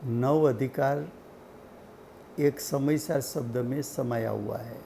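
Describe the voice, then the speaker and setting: A man giving a slow, deliberate religious study lecture, repeating key points for his listeners. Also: medium pitch, fairly even intonation, vocal fry, warm tone, a little hiss or hum. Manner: slow, deliberate teaching with repetition. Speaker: scripture teacher.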